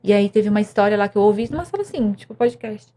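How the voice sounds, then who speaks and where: Earnest young woman, mellow voice. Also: mid-range voice, animated, quick pace. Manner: earnest, rambling, many restarts. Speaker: podcast guest. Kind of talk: emotional personal testimony.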